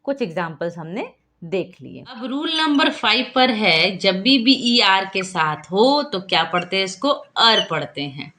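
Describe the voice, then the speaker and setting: A woman's voice: medium pitch, animated, unhurried, bright, forceful tone. A woman teaching a phonics lesson, patiently explaining and repeating each rule and quizzing the viewer.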